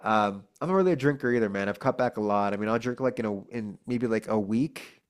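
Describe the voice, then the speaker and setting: A man's voice: on the low side, fairly quick, smooth. A man teaching a casual one-on-one singing lesson, laid-back and encouraging, calling his student "dude" and "man". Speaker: vocal coach.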